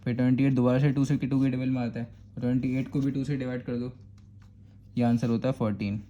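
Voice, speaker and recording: A man's voice: medium pitch, flat delivery, a little fast, mellow, muffled recording. A man with a Karachi Urdu accent teaching a step-by-step math lesson, patiently repeating "thik hai" to check that students follow. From Pakistan.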